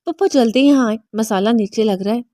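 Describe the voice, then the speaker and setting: A woman's voice: on the high side, dark tone, no room sound, clean studio sound, close to an everyday voice. A woman reading the lines of a careless young daughter-in-law making excuses. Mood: chirpy.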